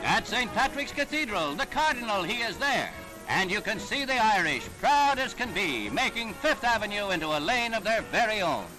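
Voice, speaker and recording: A man's voice: high voice, big pitch swings, moderate pace, poor audio. Jaunty old newsreel narrator, man, over music. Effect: old newsreel soundtrack.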